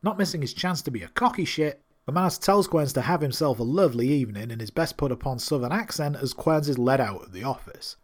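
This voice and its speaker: Male recap narrator, mid-pitched, keen and wry, scripted read. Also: expressive, brisk, hardly any pauses. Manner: enthusiastic, wry asides. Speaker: TV series recap host.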